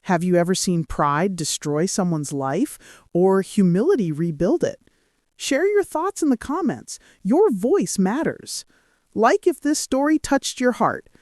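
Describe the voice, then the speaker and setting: A woman's voice: medium pitch, very animated, unhurried, a little mellow, no echo, studio quality. A woman narrating a folktale in a scripted, dramatic storytelling style. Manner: dramatic, swooping delivery.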